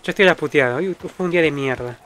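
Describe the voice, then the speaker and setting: A man's voice: a little high, very fast, fairly bright tone, slight background noise. A man with an Argentine accent giving casual let's-play commentary, chatty and teasing, with frequent swearing. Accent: Argentine Spanish. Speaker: gaming streamer.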